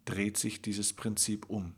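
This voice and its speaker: A man hosting a podcast episode, giving an emphatic motivational monologue straight to the listener and slowing down to stress key words. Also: lowish voice, level tone, husky. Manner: addresses the listener directly. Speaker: podcast host.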